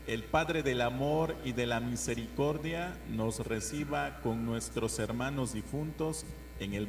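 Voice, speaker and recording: A man reads liturgical petitions in a formal manner, his middle-pitched voice ringing with church echo. A clear hum sits behind him on the recording. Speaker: lector reading the prayers of the faithful. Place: large indoor church with echo.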